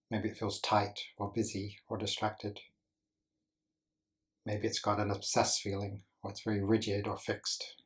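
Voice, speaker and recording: Short phrases, deliberate pauses, and gentle teacher-like guidance mark this man's meditation session. His voice is low-pitched, and his intonation remains flat and consistent from start to finish.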